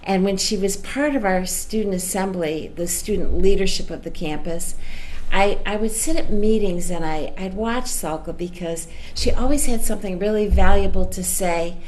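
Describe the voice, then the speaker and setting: A woman's voice: mid-range voice, normal speed, darkish tone, slight background noise. A woman hosting a workplace talk show, opening with an enthusiastic introduction of her guest.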